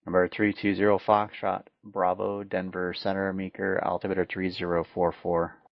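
A man's voice: deep voice, completely flat delivery, normal speed, vocal fry, no echo. A man working as an air traffic controller, giving clipped, procedural radio instructions. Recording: dull, lo-fi radio sound.

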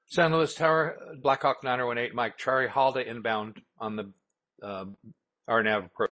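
Man pilot over the radio, bright sharp voice, a bit hesitant. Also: medium pitch, steady tone, moderate pace. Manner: hesitant radio phrasing with fillers. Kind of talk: radio calls to air traffic control.

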